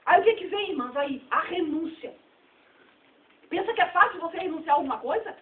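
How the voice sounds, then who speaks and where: High-voiced fervent Brazilian woman preaching. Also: expressive, a little fast. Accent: Brazilian Portuguese. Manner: fervent, emphatic preaching that swells into shouting. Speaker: preacher at a church fellowship. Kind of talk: sermon. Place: church hall. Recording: tinny, distant, echoey church recording.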